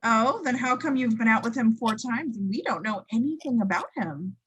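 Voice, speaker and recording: A husky-voiced, deadpan schoolteacher with a fairly high pitch, read by a woman in a sitcom read-through. She delivers her lines with dry, weary sarcasm. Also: moderate pace, dull audio. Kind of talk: amateur sitcom table read.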